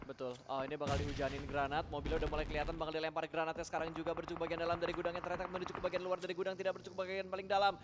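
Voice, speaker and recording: A man casting a live esports match in rapid play-by-play, getting loud and excited at big plays. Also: fairly high pitch, noisy background. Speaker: esports caster.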